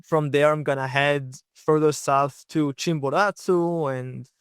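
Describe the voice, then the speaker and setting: A young Israeli man, a long-distance bicycle traveler, is a guest telling stories in a casual interview, his voice a little high for a man. He's easygoing and chatty, steady and unhurried, full of fillers like "like" and "you know." The sound is clean, dry and close, with no echo or room around it.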